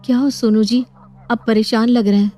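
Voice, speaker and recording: A woman voicing a polite, gentle young daughter-in-law in a cartoon story. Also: on the high side, fairly even intonation, moderate pace, soft background music, close to an everyday voice.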